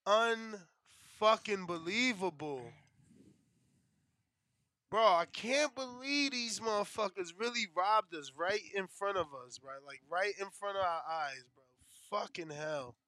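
A man's voice: high voice, slow, pushed and bright, dry recording. A man chatting casually on a livestream as host, with brash frat-bro slang, heavy swearing and an indignant, complaining manner. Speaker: livestream betting show host.

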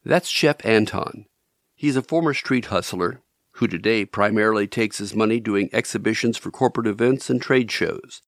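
A man hosting a podcast, reading scripted narration in a measured storytelling way, addressing the listener directly. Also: on the low side, no echo, studio quality. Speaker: podcast host.

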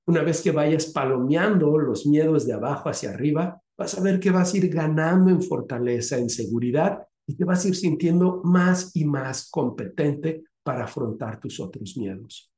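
A man hosts a podcast, telling a story and then giving advice. He sounds animated, and his voice sits a little high. The recording carries a roomy echo. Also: normal speed, hardly any pauses. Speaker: podcast host.

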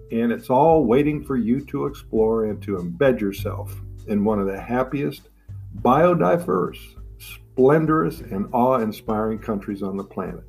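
A man's voice: medium pitch, darkish tone. A man narrating in a nature documentary style as a podcast host, with enthusiastic, promotional delivery. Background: plucked guitar music.

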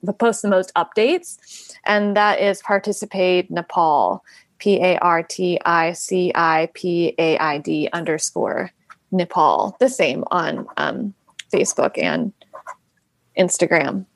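A woman's voice: lowish voice, takes it slowly, no echo. A woman guest talking about founding a nonprofit, rambling with many fillers and restarts. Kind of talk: casual interview answers.

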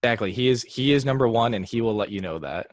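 A man's voice: medium pitch, animated, fast, no room sound, clean studio sound. A man co-hosting a casual interview podcast in a jokey, self-deprecating way. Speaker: podcast co-host. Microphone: video call.

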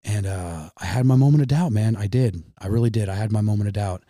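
A man in his thirties with a Midwestern American accent, a podcast guest telling an emotional story in a halting way, repeating himself and calling the host man. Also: fairly low pitch, warm tone, dry recording, studio quality.

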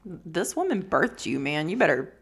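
Lively teasing woman podcast co-host. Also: deep voice, gravelly, slightly rough. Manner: quick, teasing, laughs often. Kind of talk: casual chat.

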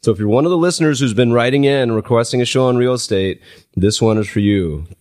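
A podcast host chats casually and fast in a medium-pitched voice, sounding slightly congested from a cold. He's relaxed and talkative, using fillers and restarts, and the recording is dry and studio quality.

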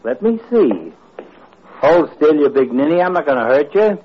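Husky, wisecracking radio doctor. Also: male voice, fairly high pitch, very animated, moderate pace. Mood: needling. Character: blustery, wisecracking male doctor, teasing. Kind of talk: 1950s radio comedy acting. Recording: muffled old radio recording.

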